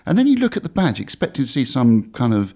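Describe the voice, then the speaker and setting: A man's voice: medium pitch, huge pitch swings, fast, warm tone. A British man co-hosting a casual car podcast, talking in an exclamatory way and often interrupting himself. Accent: British English. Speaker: podcast co-host.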